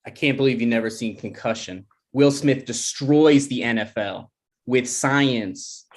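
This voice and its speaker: At a screenplay table read, a man plays a sensitive, jokey twenty-six-year-old boyfriend who is casual and self-deprecating. His voice is medium-pitched and a little slow, with light acting.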